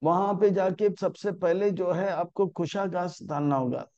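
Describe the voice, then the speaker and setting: A man giving a spiritual lecture, telling stories and chanting verses slowly, on a dull lo-fi recording. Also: high-pitched, a little mellow, no echo. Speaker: spiritual teacher. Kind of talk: Gita lecture.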